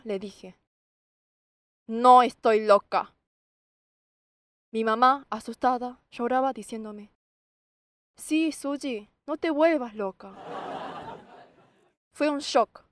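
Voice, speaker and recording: A woman's voice: fairly high pitch, no echo. A young woman from South Korea giving a personal faith testimony, telling it expressively and acting out her own past words. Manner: expressive, acts out her own past shouts and quoted lines.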